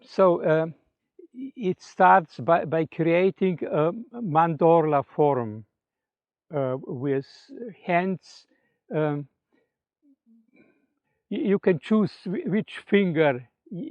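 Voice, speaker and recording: A man with a Slovenian accent, a native Slovenian speaker, giving an explanatory talk in English in a halting, word-searching manner. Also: fairly high pitch, no echo. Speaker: speaker presenting his exercises. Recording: tinny phone-like audio.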